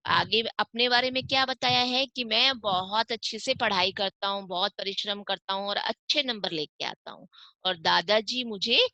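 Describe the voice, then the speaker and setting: A woman's voice: mid-range voice, moderate pace, bright, forceful tone, dry recording. A woman teacher giving an online class to young children, reading words syllable by syllable and asking her pupils questions.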